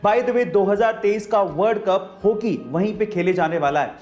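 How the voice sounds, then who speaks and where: High-voiced man with echo and music. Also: moderate pace, a little mellow. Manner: asks the viewer questions, then answers them. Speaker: host of a facts channel. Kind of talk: scripted facts narration. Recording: echoey room with faint music.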